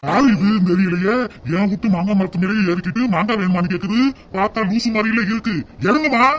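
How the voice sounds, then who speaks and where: A man voicing a grumpy old male mango grove owner who shouts and scolds in a cartoon. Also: sits high, steady tone, fast talker, natural voice. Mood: angry scolding. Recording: loud background hiss.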